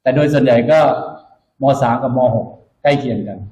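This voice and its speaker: A man's voice: mid-range voice, fairly quick, warm tone. Military officer, man in an echoey space. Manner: instructive, emphatic, repeats key points. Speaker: military officer addressing new recruits. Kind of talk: motivational orientation speech to recruits. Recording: echoey room, dull muffled sound.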